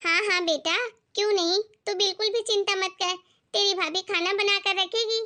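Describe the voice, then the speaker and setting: A woman voicing a patient, doting older mother-in-law in an animated family skit, speaking in a soothing way. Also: very high voice, normal speed. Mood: kindly. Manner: soothing, calming her angry daughter.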